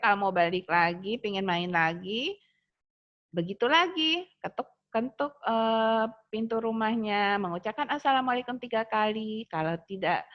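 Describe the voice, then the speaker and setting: A woman teaching a lesson on manners to young children in a sing-song teacher voice, asking them questions. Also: mid-range voice. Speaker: kindergarten teacher. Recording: dull lo-fi home recording.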